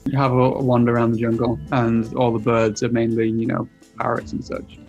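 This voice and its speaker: A man narrating as game master in a laid-back, chuckling way. His pitch stays flat and even, and faint music runs underneath. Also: a little fast.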